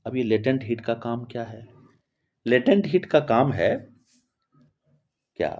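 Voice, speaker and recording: Slow husky male chemistry teacher. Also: medium pitch, expressive, a little mellow. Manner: repeats key terms word by word, asks rhetorical questions. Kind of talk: classroom-style lesson explanation.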